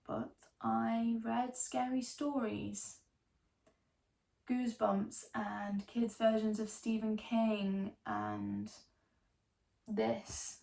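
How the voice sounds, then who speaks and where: A woman performs a young female ghost-story devotee in a stage-style dramatic monologue. Her voice is fairly high, with a gravelly fry at the edges. She tells it slowly and theatrically, wry and defiant, leaning hard on words and hanging on pauses. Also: animated, dark tone, heavily acted. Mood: subdued, confiding.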